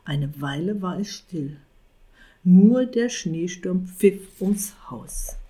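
A woman narrating a storybook aloud in a calm, quiet voice. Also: fairly low pitch, slow. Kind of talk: storybook reading.

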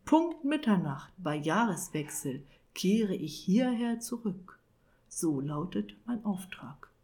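A woman's voice: mid-range voice, very animated, slow, warm tone. A woman voicing a coldly polite male emissary of the devil, speaking in a clipped, half-whispered tone. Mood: icy polite. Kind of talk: audiobook character voice.

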